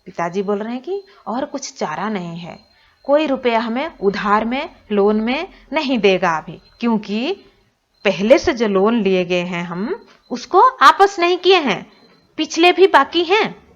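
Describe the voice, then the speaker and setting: Woman teacher, patient line-by-line explainer with English glosses, slow delivery, dull recording. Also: fairly high pitch, very animated, a bit bright. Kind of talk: explaining a Hindi textbook lesson.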